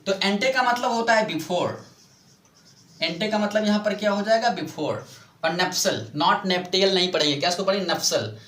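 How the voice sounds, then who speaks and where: A man teaching English vocabulary in Hindi mixed with English, explaining slowly, repeating words and asking his students questions. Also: sits high, a bit bright, reverberant.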